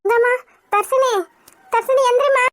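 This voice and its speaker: A woman's voice: very high voice, steady tone, normal speed, no echo, studio quality. A woman voicing a caring, anxious middle-aged housewife in a cartoon, fussing in a motherly way. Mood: worried, caring. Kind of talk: cartoon voice acting.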